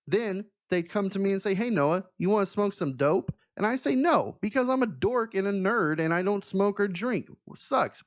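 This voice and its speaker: A man, a YouTuber and streamer, telling a comic story to camera in a mock-dramatic, self-deprecating way. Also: a little high.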